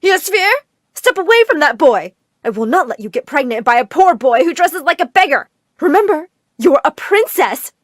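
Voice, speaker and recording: A woman's voice: a little high, animated, brisk, no room sound, clean studio sound. A woman voicing a middle-aged mother who dotes on her daughter and screeches bossy, melodramatic demands. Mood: shrill. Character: shrill doting overbearing mother, middle-aged.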